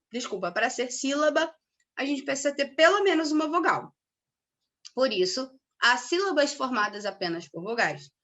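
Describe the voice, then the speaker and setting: Woman, young adult, grammar teacher, emphatic, bright tone, animated pitch. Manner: explanatory, stressing key words, frequent "tá?" checks. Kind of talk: recorded grammar lesson.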